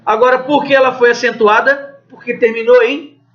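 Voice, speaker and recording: A man's voice: very high-pitched, fairly even intonation, moderate pace, dull audio. A Brazilian man teaching Portuguese in an exam review lesson, quizzing the class and answering his own questions in a casual way, with the odd curse. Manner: conversational, asks the class questions and answers them himself; swears casually.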